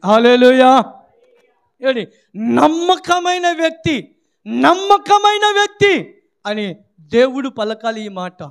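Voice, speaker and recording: A man pastor preaching a sermon, firing rhetorical questions and crying out hallelujah, rising to shouts and dropping low. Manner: swings between loud shouting and low quiet stretches.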